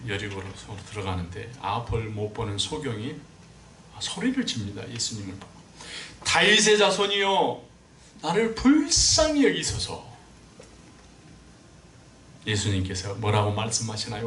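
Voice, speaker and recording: A man preaching a sermon as a pastor, telling stories with animated swings and climbing high when he quotes people. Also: normal speed, a little hiss or hum. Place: church sanctuary. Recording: echoey church room, mic at a distance.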